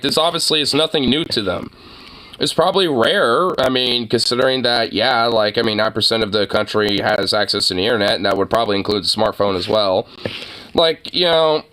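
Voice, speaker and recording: Bright-voiced man swearing through a reaction. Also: medium pitch. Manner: profane, laughing, rambling with many fillers. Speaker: streamer reacting to a video. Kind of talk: casual reaction commentary.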